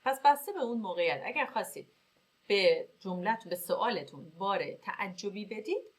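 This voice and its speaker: A woman teaching English vocabulary in Persian, reading example sentences slowly and clearly, then explaining them briskly. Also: mid-range voice, lively intonation.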